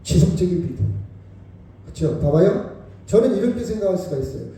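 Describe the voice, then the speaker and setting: Animated male pastor in an echoey church. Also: sits high, fairly quick. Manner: animated, swings between loud exclamations and hushed asides; addresses the congregation directly, often asking for agreement. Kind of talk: sermon. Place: church sanctuary. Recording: very echoey church hall, mic far off.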